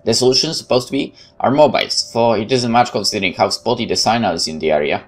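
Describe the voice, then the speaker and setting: Here a fast-talking man with a lowish voice reads a visual novel's narration aloud for a let's play. He's a gaming YouTuber, and his wry, casual asides are backed by game music.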